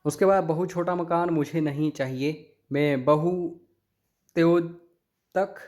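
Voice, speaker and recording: Man explaining grammar answers, fairly high voice. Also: fairly even intonation, normal speed, a little mellow. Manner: explains step by step, addresses viewers as friends. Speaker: teacher. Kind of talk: exam-prep Hindi grammar lesson.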